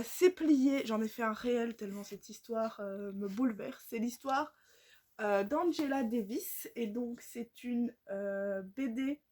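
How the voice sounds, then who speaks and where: A woman's voice: a little high, darkish tone. A woman chatting casually about books on her vlog, with many fillers and restarts. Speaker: book vlogger. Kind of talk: casual book chat.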